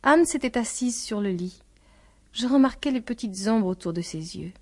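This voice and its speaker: A woman's voice: on the high side, lively intonation, normal speed. Woman narrating a literary audiobook.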